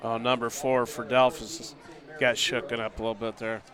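A man giving casual color commentary on a high school football broadcast, often agreeing with short yeahs. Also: level tone, normal speed, a crowd in the background.

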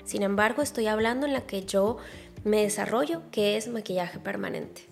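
A woman hosts a solo podcast in a nasal, stuffed-up voice of average pitch. She speaks informally and emphatically, straight to her listeners. Faint music plays behind her. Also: moderate pace, gravelly. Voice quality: nasal, congested-sounding voice. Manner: chatty, informal, emphatic with rhetorical questions. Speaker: podcast host. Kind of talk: casual solo podcast monologue, addressing listeners directly.

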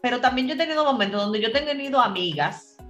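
A woman's voice: on the high side, animated, fast, fairly bright tone, highs cut off, faint music behind. Female panel host, reflective and earnest, roomy echoey sound. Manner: earnest, reflective, addresses the group as señores. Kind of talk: casual panel chat.

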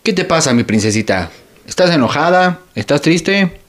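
A man's voice: a little high, very animated, normal speed, slight background noise. An actor playing a hungry, teasing father who jokes while trying to comfort his daughter, speaking with a Mexican Spanish accent. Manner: joking, exaggerated whining. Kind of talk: sketch acting.

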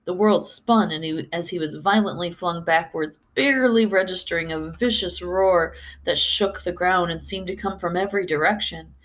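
A woman's voice: on the low side, moderate pace, few pauses, no room sound, low-quality recording. A woman hosting a story podcast, telling tales and chatting in an informal way with rambling asides. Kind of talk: storytelling and casual commentary. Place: room in a house.

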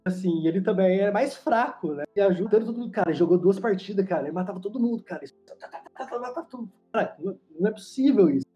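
A man's voice: high voice, animated, racing, few pauses, mellow. A young man with a Brazilian Portuguese accent in casual, slangy chat, often ending on tag questions. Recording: dull lo-fi, music behind.

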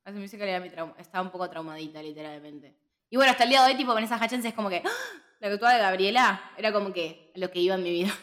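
A young woman, in her twenties, co-hosts a film podcast and tells stories at very high speed in a mid-range voice. Her Rioplatense Spanish accent comes through in the slangy, casual chat, and she laughs as she animatedly recounts things.

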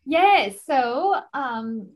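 A woman's voice: high-pitched, animated, very slow, poor audio. Chatty American woman with frequent laughs. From United States. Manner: chatty, laughs often, many fillers. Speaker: guest, exercise physiologist. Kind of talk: casual interview chat.

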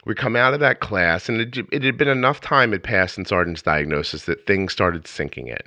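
A man's voice: low voice, fairly quick, pushed and bright, no echo. A man hosting a podcast interview in a casual, rambling way, often restarting his sentences as he tells a story. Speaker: podcast host.

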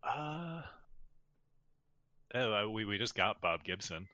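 A man with a lowish voice and a bright, forceful tone jokes his way through a casual podcast chat. He stammers at the start of sentences. The recording is dry and close. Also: very animated, takes it slowly, no room sound, lo-fi sound.

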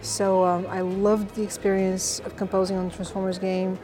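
Over music, a woman from Bulgaria talks at a moderate pace in a mid-range voice. A game composer, she shares her journey with real passion in a relaxed interview, telling it in a lively way full of fillers.

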